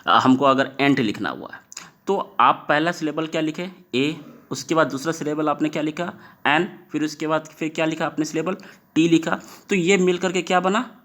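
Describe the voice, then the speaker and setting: A man's voice: on the high side, moderate pace, a bit bright. A man who teaches students in a classroom-style lesson, often putting questions to the class and stretching words to stress their sounds.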